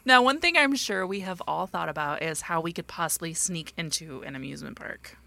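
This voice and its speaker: A woman's voice: on the low side, expressive, a little fast, creaky, bright, forceful tone, no room sound. A woman hosting a casual chat podcast, narrating a story and laughing often with her co-hosts. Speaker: podcast host telling the story.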